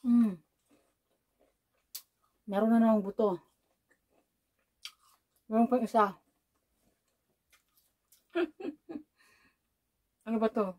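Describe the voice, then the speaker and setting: A woman's voice: on the high side, lively intonation, drawn-out words, pauses often, mellow. A woman with a Filipino accent chatting casually to her viewers as a mukbang vlogger, talking while her mouth is full of fruit. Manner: chatty, giggly, mixes English into Tagalog. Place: at home.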